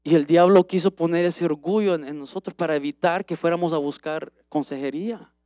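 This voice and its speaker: Earnest man preaching, halting restarts. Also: fairly high pitch, steady tone, no room sound. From United States. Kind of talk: testimony sermon. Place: church. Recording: dull, dry livestream audio.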